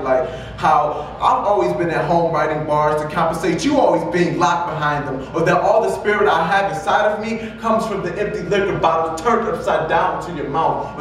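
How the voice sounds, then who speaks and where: A young man from Detroit reciting confessional spoken word poetry in an earnest, measured, dramatic way. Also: fairly high pitch. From Detroit, United States. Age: young adult. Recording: roomy echo, distant mic, faint noise.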